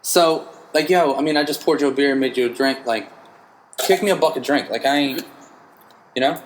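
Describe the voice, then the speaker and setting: A man hosting a podcast, a bartender telling stories in a casual, animated way and swearing freely. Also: medium pitch, fairly quick, slight background noise, low-quality recording. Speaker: podcast host. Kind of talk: casual chat.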